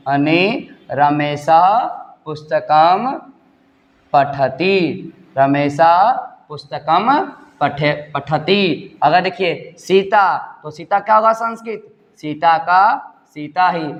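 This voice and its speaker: A fairly high-voiced man with a Bihari Hindi accent teaches a dictation lesson, speaking slowly and repeating each phrase. He keeps quizzing his students. The sound is dull and lo-fi, with a long echo from the room.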